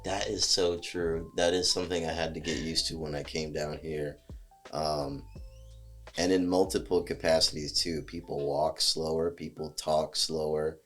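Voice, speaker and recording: A man with an extremely deep voice hosts a relaxed chat, friendly and loose, with many "um"s along the way. Faint music plays behind him. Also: normal speed. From New Jersey. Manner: friendly, fillers, talks it through. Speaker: podcast host. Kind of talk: casual chat.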